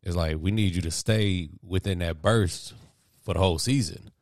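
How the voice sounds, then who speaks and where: A man's voice: deep voice, normal speed, dry recording, studio quality. A young man with a Southern US accent co-hosting a sports podcast, telling stories animatedly and mimicking people. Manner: animated storyteller, mocking voices. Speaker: podcast co-host. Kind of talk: casual sports podcast chat.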